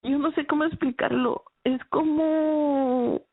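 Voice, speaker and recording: A woman giving a halting, emotional personal faith testimony, with many restarts. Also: sits high, steady tone, no echo. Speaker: testimony speaker. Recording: dry, phone-like narrow sound.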